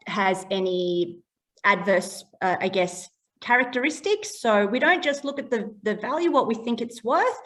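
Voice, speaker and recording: A woman's voice: medium pitch, a bit bright, distant mic. A chatty woman in an interview, explaining her property valuer work in plain terms and laughing often. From Australia. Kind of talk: casual interview chat.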